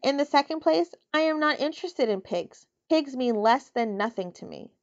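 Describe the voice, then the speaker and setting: Prim, condescending storybook lamb, voiced by a woman; fairly high, slightly dull recording. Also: lively intonation, normal speed. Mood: haughty. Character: haughty, dismissive young lamb.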